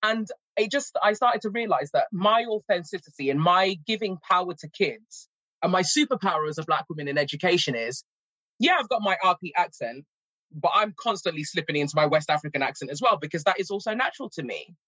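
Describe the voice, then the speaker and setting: A woman's voice: fairly low pitch, animated, brisk, fairly bright tone, husky, no echo, lo-fi sound. A woman in her forties with a North London accent, a language teacher talking earnestly in a podcast conversation. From England. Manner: earnest, reflective, emphatic.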